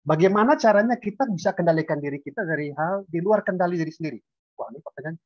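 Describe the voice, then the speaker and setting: Male webinar moderator, fast and polite, dull dry call audio. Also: fairly high pitch, animated, no echo. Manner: polite, quick. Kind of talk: reading out audience questions. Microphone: video call.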